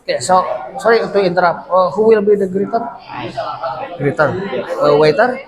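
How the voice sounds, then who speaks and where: A man's voice: sits high, unhurried. A man with a Sundanese accent teaching English in a classroom, coaching students and repeating words for them to drill. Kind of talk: classroom instruction. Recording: noisy classroom with chatter. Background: student chatter.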